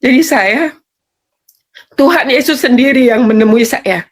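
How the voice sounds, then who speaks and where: Woman, fairly high voice, earnest conversational storytelling. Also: lively intonation, measured pace. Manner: earnest storytelling, addresses host often as Bang. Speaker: guest giving testimony. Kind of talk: conversational testimony interview.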